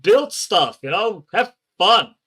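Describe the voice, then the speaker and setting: Chatty reaction guy, swears a lot, bright and kinda high voice. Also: sing-song, slow, husky. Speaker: reaction channel host. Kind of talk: casual reaction commentary.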